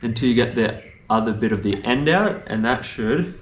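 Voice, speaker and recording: A relaxed man walks through a bike repair one step at a time, in a plain mid-range voice. The sound is roomy and echoey, with a faint hiss of noise underneath. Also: mid-range voice, moderate pace. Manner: relaxed, talks through each step as he works. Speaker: bike tech presenter. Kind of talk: casual how-to demonstration.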